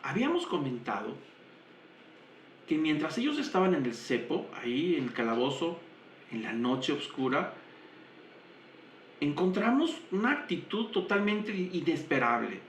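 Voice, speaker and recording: A man's voice: a little high, very animated, a little slow, long pauses, a little hiss or hum. A man teaching a Bible class, retelling the story vividly and asking rhetorical questions. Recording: roomy echo.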